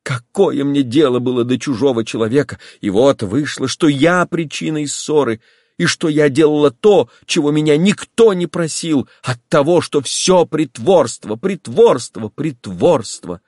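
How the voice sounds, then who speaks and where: A man reading an audiobook voices an impulsive young woman, pleading and agitated, in a lively character voice. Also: a little high, measured pace, no room sound, clean studio sound, pitched above the performer's own voice.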